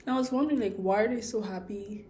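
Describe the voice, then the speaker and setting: Lisping woman with a mellow voice, wearing retainer. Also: mid-range voice, fast talker, slight background noise. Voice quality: lisp from wearing clear retainer-like aligners. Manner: rambling, reflective, self-questioning. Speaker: vlogger. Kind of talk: casual personal storytelling.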